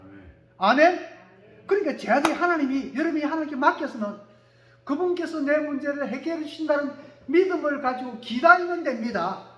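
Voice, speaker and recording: A male pastor preaching a sermon, swinging from quiet asides to shouted declarations and calling for amens from the congregation. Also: very high-pitched, lively intonation, a little fast, roomy sound. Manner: calls for amen from the congregation.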